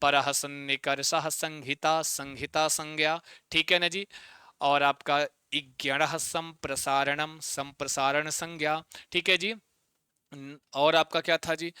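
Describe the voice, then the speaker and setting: A man teaching a Sanskrit exam-prep lesson online, drilling students with repeated check-in questions and spelling out word parts slowly, syllable by syllable. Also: a little high, little pitch movement, bright, forceful tone, smooth, dry recording, clean studio sound.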